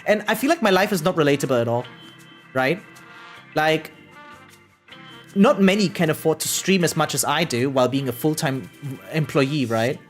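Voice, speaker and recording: Reading comments aloud and replying to them, a young adult streamer keeps things casual with the live chat over background music. The voice is mid-range and expressive, moving at normal speed with frequent pauses. They ramble and double back on words, swearing loosely with a self-deprecating streak.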